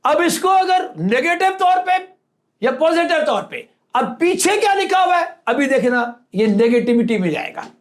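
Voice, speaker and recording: A man delivers a sermon in a notably high voice. His pitch swings widely as he acts out quoted lines with rising emphasis. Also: sing-song, normal speed. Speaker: preacher.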